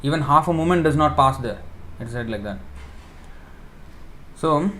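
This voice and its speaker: A preacher leading a scripture class gives an informal, chatty sermon in a fairly high voice with lively intonation, at normal speed and with slight background noise. He thinks out loud, explains using homely examples and stops to correct himself.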